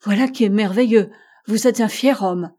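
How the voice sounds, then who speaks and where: A woman's voice: medium pitch, normal speed, warm tone, lightly acted. Woman reading as an eager old bosun. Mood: earnest. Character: old male ship's bosun, loyal and eager.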